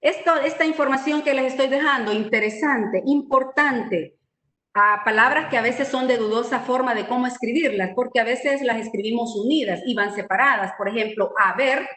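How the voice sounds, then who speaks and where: A woman's voice: fairly high pitch, moderate pace, a bit bright, reverberant. A woman teaching a spelling and grammar lesson over a video call, explaining patiently and checking in with her class. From El Salvador. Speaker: writing and spelling instructor. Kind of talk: online training lesson.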